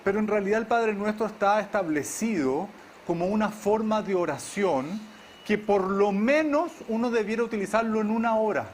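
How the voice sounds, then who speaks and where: A man, preaching a sermon to his congregation at a church service. He keeps checking in with the listeners with a quick question. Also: high-pitched, a little hiss or hum. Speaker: pastor.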